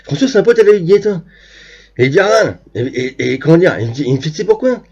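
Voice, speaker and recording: A man's voice: fairly high pitch, sing-song, fast, darkish tone, breathy edge. A man telling a long rambling anecdote to his viewers, full of crude slang, asides and restarts, on a dull lo-fi recording. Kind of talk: rambling anecdote told to camera.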